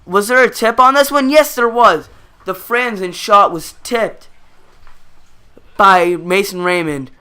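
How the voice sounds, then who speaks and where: A man calls a hockey video game in the manner of a broadcast announcer, bursting with excitement whenever a goal goes in. His voice sits high and comes across smooth and crisp. He keeps an unhurried pace between the big calls. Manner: excitable broadcaster-style calls, erupting on goals. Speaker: gaming channel host. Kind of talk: play-by-play hockey commentary over a video game.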